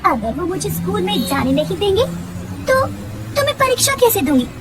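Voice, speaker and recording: A woman voicing a crazed pregnant schoolgirl in an animated story. She swings between singsong taunts and childlike pleading. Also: extremely high pitch, normal speed, very noisy, voice pushed up. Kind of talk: Hindi cartoon story voice acting.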